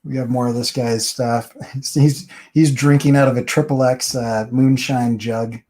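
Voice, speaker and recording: Man hosting an indie comic review, easygoing, rambling, mid-pitched. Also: fairly even intonation, measured pace, darkish tone. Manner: rambling, chatty, summarizing a comic page by page. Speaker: comic book review host. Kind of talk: casual chat.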